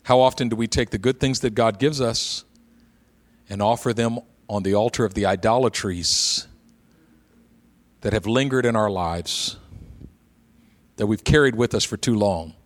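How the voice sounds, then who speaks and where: A man's voice: fairly low pitch, moderate pace, pauses often. A male pastor preaching a sermon, telling a humorous personal story in a conversational way and then building to urgent exhortation.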